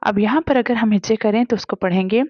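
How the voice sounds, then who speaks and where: A woman's voice: mid-range voice, fairly even intonation, quick pace, no room sound, muffled recording. Woman teacher patiently spelling out Arabic letters. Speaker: Quran reading teacher. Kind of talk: step-by-step spelling lesson.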